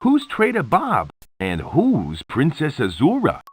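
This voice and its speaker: A man's voice: fairly high pitch, huge pitch swings, slow, very noisy, exaggerated voice. A man playing a laid-back, wisecracking adventurer pilot in a video game. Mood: puzzled.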